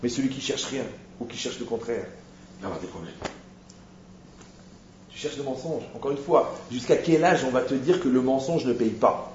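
Man giving an animated Torah lesson. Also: mid-range voice, normal speed, a little hiss or hum. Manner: animated, rhetorical questions, addresses listeners directly. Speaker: Torah teacher. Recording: echoey, dull-sounding room recording.

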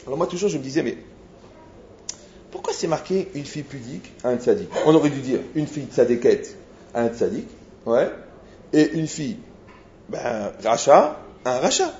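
A man, a rabbi, giving a lively sermon full of anecdotes, acting out dialogues and rising to near shouts. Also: medium pitch, moderate pace, pauses often. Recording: roomy, dull lo-fi sound with faint noise.

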